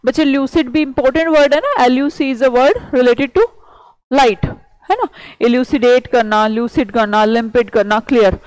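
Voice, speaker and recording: A woman's voice: high-pitched, normal speed, darkish tone, no echo, rough recording. A woman teacher giving a vocabulary lecture, explaining words by asking questions and answering them herself.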